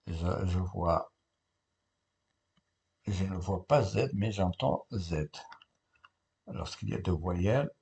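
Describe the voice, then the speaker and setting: A man teaching, slowly correcting a French grammar and spelling test, repeating words and spelling out letters. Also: low voice, vocal fry, darkish tone, slightly rough. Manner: slow, repetitive classroom explaining, spelling out letters.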